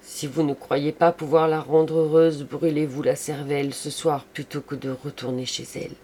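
A man's voice: medium pitch, fairly even intonation, measured pace, creaky, husky. A man doing a pleading, remorseful young artist. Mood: impassioned. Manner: pleading, impassioned. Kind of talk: audiobook reading.

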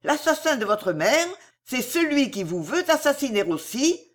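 A woman's voice: high-pitched, sing-song, voice pushed up. Fausta, a woman doing an icy schemer. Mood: coldly persuasive. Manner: slow, solemn, insinuating. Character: cold scheming noblewoman, calm and implacable. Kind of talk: audiobook reading.

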